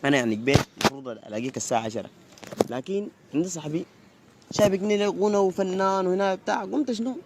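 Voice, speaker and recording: A man playing a smooth-talking Sudanese student. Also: sits high, very fast, noisy background. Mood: charming. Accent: Sudanese Arabic. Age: young adult. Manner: chatty, keeps saying "you know?". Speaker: university student.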